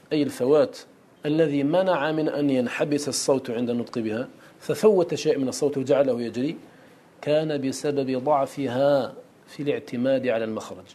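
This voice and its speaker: A man with a mid-range, dark-toned voice lectures on a classical poem, posing rhetorical questions and then answering them himself.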